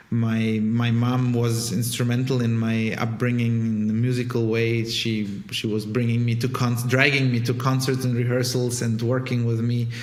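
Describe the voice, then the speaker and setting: A man who conducts orchestras and co-founded a startup, answering interview questions thoughtfully with frequent ums and restarts. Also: mid-range voice. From Bulgaria. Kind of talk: conversational interview. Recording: roomy echo.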